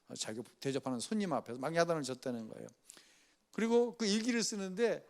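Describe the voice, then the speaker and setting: A male pastor leading an afternoon church study, telling a story conversationally and speaking straight to the congregation. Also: fairly high pitch. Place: church sanctuary.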